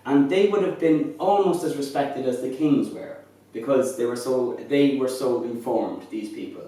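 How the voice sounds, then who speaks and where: A man's voice: medium pitch, normal speed, dark tone. An Irish man with a lilting storyteller's way of talking, speaking as a traditional storyteller. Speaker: traditional Irish storyteller and poet, interview guest. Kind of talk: oral storytelling and conversational explanation. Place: reverberant room, away from the mic. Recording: echoey room, distant from the mic.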